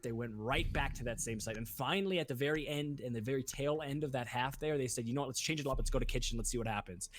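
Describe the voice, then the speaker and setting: Male esports caster, emphatic analyst style. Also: on the high side.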